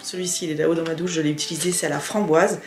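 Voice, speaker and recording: A woman's voice: deep voice, fairly even intonation, rapid-fire, roomy sound, music in the background. A woman vlogger chatting casually to camera as she shows off her gifts, gushing and full of fillers and restarts. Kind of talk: casual haul chat to camera.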